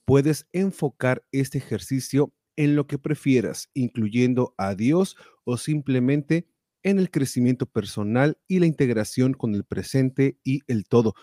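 A man hosting a live talk show, reading out viewer comments with animated, exclamatory reactions. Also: mid-range voice, unhurried, no room sound, studio quality. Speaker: show host.

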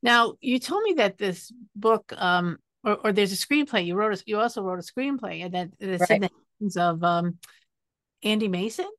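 A woman hosting an interview, speaking in halting, supportive remarks to her guest. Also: medium pitch, a bit bright, no echo, studio quality. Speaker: podcast host. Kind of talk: conversational interview.

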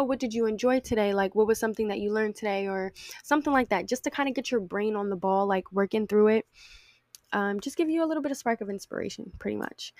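Young woman, podcast host, casual chat, fairly high voice, dry close sound, playful asides. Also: dry recording. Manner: chatty, frequent "like", playful asides. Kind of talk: casual solo podcast talk.

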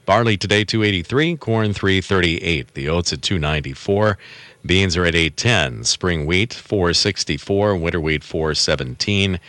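A man's voice: low voice, moderate pace, fairly bright tone, dry recording. A man reading a scripted radio bulletin of farm prices, item by item. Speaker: radio announcer.

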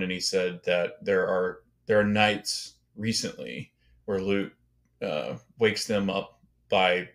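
A man's voice: sits low, a bit bright. A young man, a podcast guest, telling his ideas in a hesitant way with many ums. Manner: hesitant, filler-heavy storytelling. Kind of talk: casual podcast chat.

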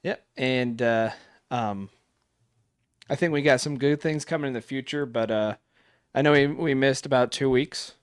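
A man's voice: mid-range voice, normal speed, smooth, dry recording, clean studio sound. A man co-hosting a casual podcast, talking in a rambling way with many fillers and restarts. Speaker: podcast co-host. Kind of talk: casual chat.

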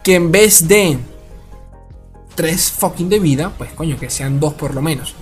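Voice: mid-range voice, a little slow. Chatty card game YouTuber, faint music. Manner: chatty, peppers speech with "ok?" and restarts. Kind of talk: casual commentary on a card game article.

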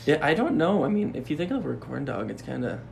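Lively gravelly man laughing along. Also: fairly high pitch, fast talker, slight background noise. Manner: laughs often, playful riffing. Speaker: podcast co-host. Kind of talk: casual comedic banter.

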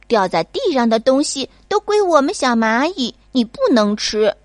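A woman's voice: fairly high pitch, very animated, moderate pace, no echo, clean studio sound. A woman playing little storybook ants. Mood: teasing. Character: chorus of little ants, matter-of-fact.

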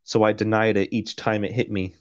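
A man's voice: on the low side, little pitch movement, fairly quick, no room sound, dull audio. A man co-hosting a podcast, reading a novel aloud and breaking off for profane jokes and laughter. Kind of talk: casual chat and reading aloud.

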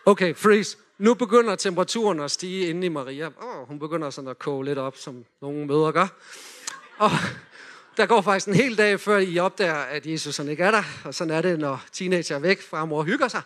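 A man in a lively sermon, retelling a Bible story and directing volunteers as they act it out. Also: fairly high pitch. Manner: animated, directs volunteers with quick cues.

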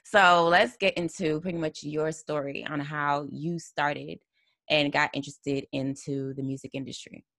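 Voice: mid-range voice, fairly even intonation, unhurried, sharp tone, no room sound. A young adult podcast host who talks in an upbeat, giggly, conversational way while running the interview. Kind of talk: casual interview chat.

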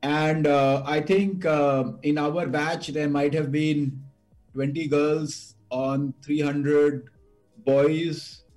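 A man's voice: fairly high pitch, little pitch movement, very slow, darkish tone, soft background music. A middle-aged man from India with a north Indian accent, reminiscing casually as an interview guest, hesitant and repeating words, slipping Hindi into his English.

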